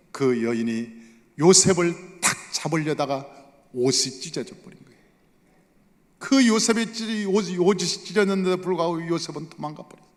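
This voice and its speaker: High-voiced pastor in a reverberant church. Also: male voice. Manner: animated storytelling with dramatic swings in loudness. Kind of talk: sermon. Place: church sanctuary. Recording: long hall reverb.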